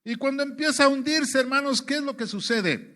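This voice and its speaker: High-voiced Mexican man preaching. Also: sharp tone. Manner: repeats "brothers" constantly, rhetorical questions, halting restarts. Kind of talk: sermon.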